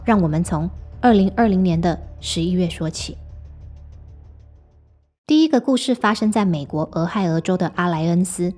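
Brief: female host, husky voice, scripted true-story narration, measured delivery. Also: lowish voice, expressive, darkish tone, soft background music.

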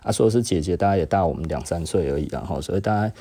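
A middle-aged man, hosting a podcast and casually telling stories from his own life, tagging his phrases with a drawn-out "hm" particle and chuckling as he goes. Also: deep voice, expressive, mellow, husky. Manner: tags nearly every phrase with a drawn-out "hm" particle and chuckles often. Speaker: podcast host. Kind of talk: casual personal storytelling.

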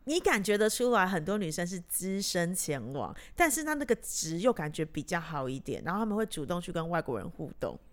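A woman podcast host with a Taiwanese accent, chatting casually in an animated, teasing way. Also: on the low side, a little fast, few pauses. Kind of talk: casual chat.

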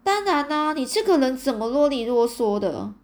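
A woman's voice: high-pitched, very animated, normal speed, voice pushed up. Woman voicing a brash fearless boy. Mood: defiant. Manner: proud, impatient.

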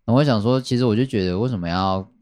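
Man, lowish voice, casual podcast chat, rambling, repeats himself. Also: very fast, darkish tone. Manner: rambling, repeats phrases, many fillers. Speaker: podcast guest telling a work story.

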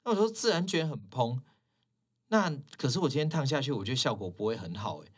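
A man's voice: medium pitch, fast, breathy edge. A man, a hairstylist guest in a casual chat, telling stories with animation and acting out the lines of the people he quotes. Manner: animated, acts out quoted dialogue in shifted voices.

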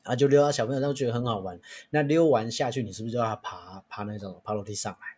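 A young man with a Taiwanese Mandarin accent hosts a casual podcast chat and tells stories in quick bursts. His voice is slightly husky, and he restarts his phrases often and fills pauses as he talks. He delivers all of it at a brisk pace. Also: mid-range voice. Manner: lively storyteller with many restarts and fillers. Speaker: podcast host.

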